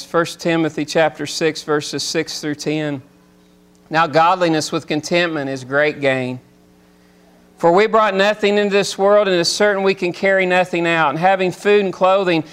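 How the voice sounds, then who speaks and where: A man in his forties preaching a sermon as pastor, rising loud and intense at times, then dropping into quiet, reflective talk. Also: a little high, clean tone. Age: 40s.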